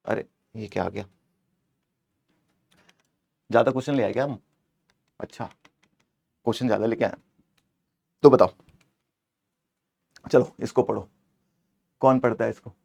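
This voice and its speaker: A man's voice: fairly low pitch, creaky, darkish tone. Playful male accounting teacher. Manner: playful, scolds answer options, switches between Hindi and English. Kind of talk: exam-prep lecture.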